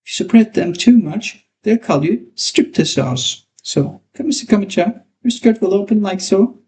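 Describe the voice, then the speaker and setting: Man putting on a haughty older etiquette madame, prim, scolding, lively swooping pitch, mellow tone. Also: a little slow. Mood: instructive. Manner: prim and scolding, with French phrases. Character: pompous older woman etiquette teacher, haughty.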